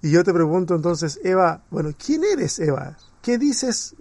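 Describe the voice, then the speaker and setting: A man's voice: high-pitched, very animated, measured pace, darkish tone, no echo. A man hosting a podcast interview, speaking in an encouraging, reflective way, with light guitar music behind him. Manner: reflective, encouraging, tells a Bible story. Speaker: podcast host.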